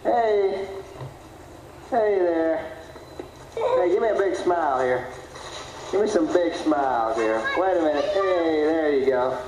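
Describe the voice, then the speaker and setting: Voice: mid-range voice, animated, slow, long pauses. An adult coaxing kids to smile while filming, heard on old VHS home-video audio from a camcorder mic at a family gathering. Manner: playful, cajoling, laughing. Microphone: built-in camcorder mic. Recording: hissy, echoey camcorder audio in a room.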